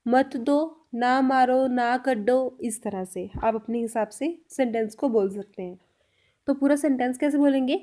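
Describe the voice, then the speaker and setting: This language teacher speaks to her viewers directly in a warm, fairly high voice. Her spoken lesson is clear and patient, and every example sentence is delivered slowly and said twice.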